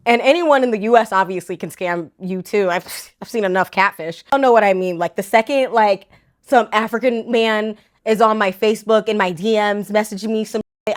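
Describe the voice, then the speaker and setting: A woman's voice: on the high side, a bit bright. A young woman giving blunt, sarcastic reaction commentary in casual slang. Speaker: commentary host.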